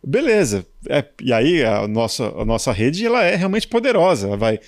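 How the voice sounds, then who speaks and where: Lively Brazilian man telling stories. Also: medium pitch, moderate pace, dry recording, studio quality. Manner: lively, animated anecdote telling with colloquial asides. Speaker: motorsport journalist. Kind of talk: casual storytelling in a conversation.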